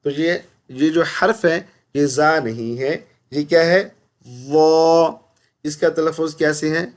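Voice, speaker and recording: A man teaching Quran pronunciation, asking and answering his own questions and reciting verses slowly and drawn out. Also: on the high side, steady tone. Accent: Pakistani. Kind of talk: recitation lesson.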